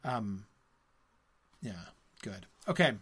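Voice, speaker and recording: Hosting a live book stream, this man answers viewers in a fairly low, sing-song, slightly bright and rough voice, drawing out his words. He hesitates with many ums and wraps up points with "right?" He reads passages aloud between his comments.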